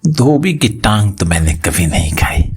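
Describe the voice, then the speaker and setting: A man's voice: on the low side, very animated, a little slow, darkish tone, husky, full character voice. A man voicing a dim-witted, hard-of-hearing old male clerk who mishears everything and drawls. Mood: befuddled.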